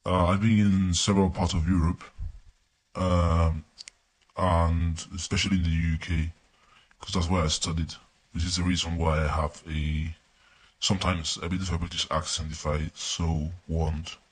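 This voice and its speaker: Offering a coaching testimonial as a student, a man from Spain speaks casually and hesitantly; Spanish is his native language, and his accent blends Spanish and American. He has a low-pitched voice with little pitch movement and a moderate pace.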